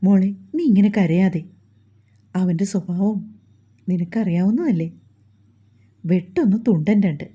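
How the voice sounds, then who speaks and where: A woman's voice: on the low side, a little slow, long pauses, dark tone, slightly rough. A woman voicing a protective, kind older mother in a storybook reading, firm but consoling, on a dull lo-fi recording.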